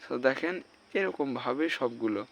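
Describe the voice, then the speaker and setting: A man's voice: medium pitch, animated, moderate pace, a bit bright. A man teaching Arabic reading in a patient lesson, naming each letter and vowel sign before blending the syllable and asking viewers to answer. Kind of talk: slow spelling-out lesson.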